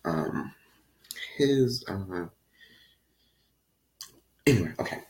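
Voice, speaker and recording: A man's voice: low voice, animated, extremely slow, a little mellow, low-quality recording. A man telling a rambling storytime vlog, giggling, drifting off track and calling his viewers "guys". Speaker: vlogger.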